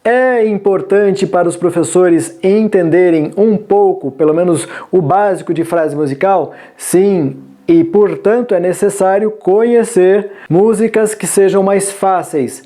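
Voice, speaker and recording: A man teaching forró dance, explaining musical phrasing in a measured, explanatory way. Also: sits high, mellow. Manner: measured, explanatory, sings short lyric lines to demonstrate counting. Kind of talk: instructional video lesson.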